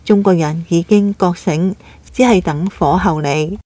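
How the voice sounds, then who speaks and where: A woman narrating a scripted news commentary in a steady, even reading delivery. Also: fairly low pitch, a little slow, dry recording.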